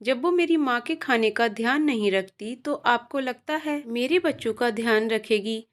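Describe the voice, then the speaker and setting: A woman voicing a caring grown daughter, calm and firm in her replies. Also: fairly high pitch, moderate pace, natural voice.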